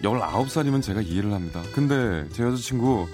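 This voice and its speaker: Casting: a male podcast host, easygoing and agreeable, his intonation lively, faint music behind. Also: fairly low pitch, quick pace. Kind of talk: casual chat and story reading.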